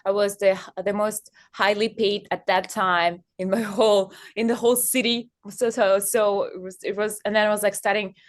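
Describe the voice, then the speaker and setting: Halting woman. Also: mid-range voice, steady tone. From Kazakhstan. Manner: halting, many fillers and restarts. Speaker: guest. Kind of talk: casual interview on stage.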